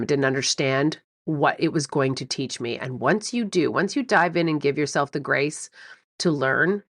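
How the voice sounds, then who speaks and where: A woman hosting a solo business podcast, coaching listeners in an animated, emphatic way and stressing key words by repeating them. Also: fairly low pitch, no room sound, studio quality. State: morning voice before coffee. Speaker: podcast host and business mentor.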